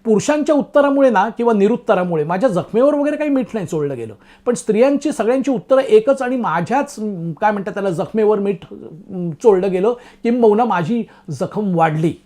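A man's voice: sits high, lively intonation, brisk, few pauses, dark tone. Man, middle-aged, comic monologue, wry, self-mocking, chatty, talks to the audience. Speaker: comic storyteller. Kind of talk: stand-up style comic monologue.

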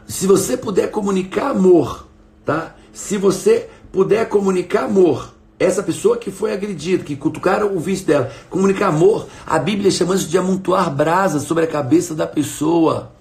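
A man's voice: high voice, moderate pace, vocal fry, darkish tone. A middle-aged man teaching in a live stream, emphatic and repeating his phrases while he asks viewers to respond. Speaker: coach and live-stream host.

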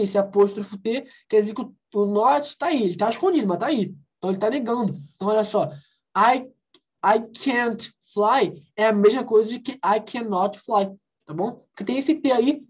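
A woman teaching English in an online class, lively and coaxing, quizzing students and repeating phrases slowly. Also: a little high, breathy edge. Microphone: video call.

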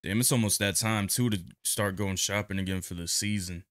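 A young man giving relaxed, slangy commentary while playing a video game. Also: on the low side, brisk. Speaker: gaming youtuber. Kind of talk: casual gameplay commentary.

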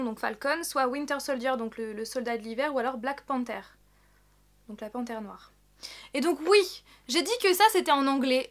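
Young woman unboxing stuff, high voice, chatty and excitable. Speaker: vlogger. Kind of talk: casual unboxing chat.

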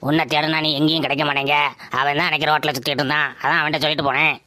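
Bossy village landlord, actor voicing him, bright, quick and flat, dry close sound. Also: medium pitch, no room sound, close to an everyday voice. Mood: scolding. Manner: scolding, commanding. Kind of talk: village comedy skit.

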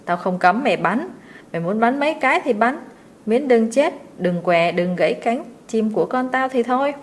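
A woman's voice: a little high, expressive, normal speed, a little hiss or hum, natural voice. Woman playing a harsh scolding rich mistress. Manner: scolding, sharp, loud.

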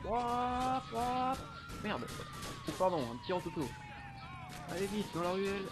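A man's voice: high voice, fairly even intonation, brisk, over loud music. A young man giving casual gameplay commentary, playing drunk with slurred, rowdy outbursts and bursts of laughter.

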